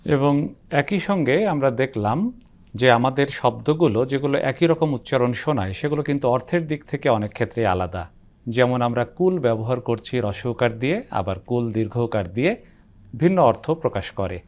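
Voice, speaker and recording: A man hosting a TV language program, speaking in formal, measured, polished phrasing as he asks questions and closes the episode. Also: mid-range voice, lively intonation, a little mellow. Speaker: program host.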